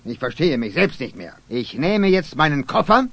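A man's voice: fairly high pitch, big pitch swings, moderate pace, gravelly, a bit bright, no echo, heavily acted. A man voicing a good-natured but fed-up father in a children's radio play, emphatic and exasperated.

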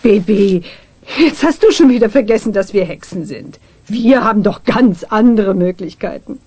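A mellow, motherly witch. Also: mid-range voice, expressive, moderate pace, husky, dry recording. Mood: patient. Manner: patient and motherly, singsong spells. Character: calm grown-up witch mother, patient. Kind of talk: children's radio play acting.

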